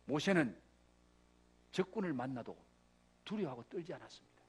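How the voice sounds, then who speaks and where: A man's voice: a little high, lively intonation, moderate pace, slightly rough. A middle-aged male pastor preaching a sermon. He tells the story dramatically, acting out the dialogue, and builds to emphatic points. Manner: dramatic, acts out dialogue between God and Moses. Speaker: senior pastor.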